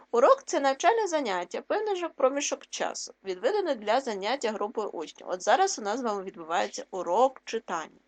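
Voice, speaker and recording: A woman teacher giving a recorded reading lesson for young children. She gives clear, patient explanations and asks her pupils questions. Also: fairly high pitch. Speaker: primary school teacher.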